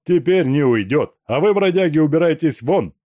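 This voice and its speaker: A man's voice: a little high, lively intonation, normal speed, warm tone, dry recording, pitched above the performer's own voice, lightly acted. A man reading an audiobook, voicing a domineering male police officer who barks orders. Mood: barking. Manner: barking orders.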